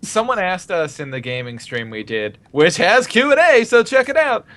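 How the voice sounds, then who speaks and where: Brief: male co-host, upbeat promoter, lively high pitch. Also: moderate pace, no echo. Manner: upbeat, plugs giveaways and streams. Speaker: podcast co-host. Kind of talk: casual live-stream chat.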